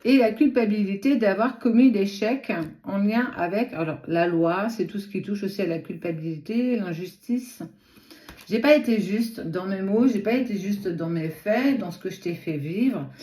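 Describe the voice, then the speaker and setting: A woman with a mellow voice reads tarot cards in an echoey room. She has a noticeable lisp that turns her s sounds slushy, close to sh. She speaks off the cuff, addressing the listener directly and dropping in asides. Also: mid-range voice, normal speed. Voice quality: lisp with slushy sh-like s from a swollen tongue. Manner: direct second-person address, frequent asides. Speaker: tarot card reader and host. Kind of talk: spontaneous tarot reading to camera.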